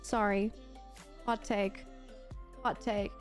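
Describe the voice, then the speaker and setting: A native German speaker from Germany who grew up in Berlin chats casually with viewers on her livestream, over soft background music. Her mid-range voice is level in tone and slow, yet her manner is gushing and emphatic, with lots of repetition.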